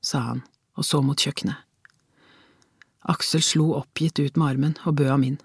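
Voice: medium pitch, flat delivery, vocal fry, husky, dry recording. Audiobook reader with a dry, close sound. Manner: measured storytelling, tense inner questions. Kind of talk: scripted audiobook narration.

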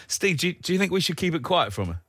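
A man hosting a radio phone-in competition in an upbeat presenting style, drawing out pauses for suspense, close on a studio mic. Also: on the high side, big pitch swings, a bit bright, husky, no room sound. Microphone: close, dry studio microphone.

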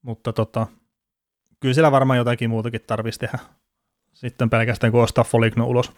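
A man's voice: medium pitch, level tone, no room sound. A man hosting a casual sports podcast, chatty and rambling, laughing now and then. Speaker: podcast host.

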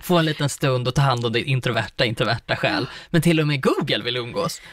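A man's voice: mid-range voice, fairly bright tone, no room sound. A man co-hosting a podcast, telling rambling, self-mocking stories with giggles. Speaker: podcast co-host. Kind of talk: casual chat. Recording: dry, a bit far from the mic.

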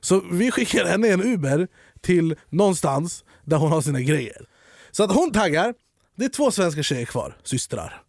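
Animated young man telling a story. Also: fairly high pitch, dry recording, studio quality. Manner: animated, acts out dialogue with quick voice jumps. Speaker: podcast co-host. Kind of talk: comedic storytelling.

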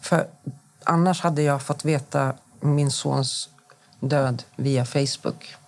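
This woman has a very deep, steady voice. In her forties and from Sweden, she talks as a podcast guest about her own experiences, giving detailed accounts, voicing the quoted dialogue, and repeatedly cutting herself off to begin sentences anew.

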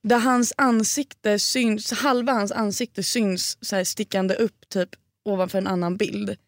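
A young woman in her twenties, a podcast guest, telling a story in animated casual chat and swearing freely. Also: mid-range voice, no echo, clean studio sound.

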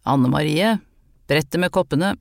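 An audiobook reader voices a stern old woman folk healer who gives brusque, matter-of-fact orders in a gruff manner. The reader's mid-range voice sounds natural, and the recording is dry and studio quality.

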